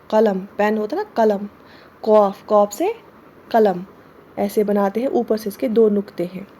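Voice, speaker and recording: A woman's voice: medium pitch, dark tone. A woman teaching an online Urdu class, patiently spelling out letters and words and often checking in with her students. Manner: patient, repeats words slowly, often checks with "theek hai". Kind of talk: online exam-prep lesson.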